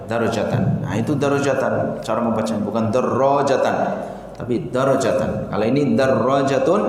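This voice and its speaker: A man with an Indonesian accent teaching an Arabic class in a religious study session, speaking slowly and repeating words to drill them. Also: mid-range voice. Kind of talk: religious language lesson. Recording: echoey hall with faint noise.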